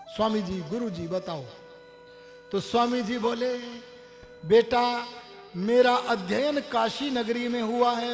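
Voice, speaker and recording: Male preacher, storytelling sermon, animated, quizzes the crowd, unhurried delivery. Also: very high voice, long reverb tail. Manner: animated, questions the audience and acts out dialogue. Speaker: Arya Samaj preacher. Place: large hall at a ceremony.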